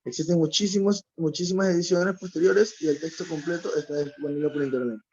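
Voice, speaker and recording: A man presenting to his class, reading his text in a steady, formal way. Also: on the high side, quick pace, a little hiss or hum. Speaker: student presenter. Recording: dull lo-fi call audio.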